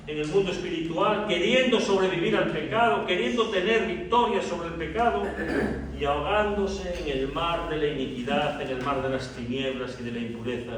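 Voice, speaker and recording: Male pastor, impassioned sermon, hushed to loud, distant mic, faint ambience. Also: fairly high pitch, a little hiss or hum. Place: church sanctuary. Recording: very echoey church, distant mic.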